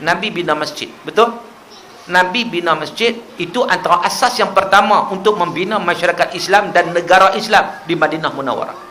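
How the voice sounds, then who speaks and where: High, bright-voiced preacher. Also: male voice, slight background noise. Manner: lively storytelling with humor and rhetorical questions. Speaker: religious preacher. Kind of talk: animated sermon. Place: mosque prayer hall.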